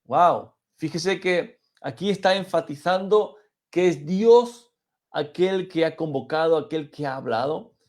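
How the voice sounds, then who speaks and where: A man preaching a sermon that teaches through a psalm, measured and speaking straight to the listener. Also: fairly high pitch, darkish tone. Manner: measured, addresses listener directly with "fíjese". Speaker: pastor.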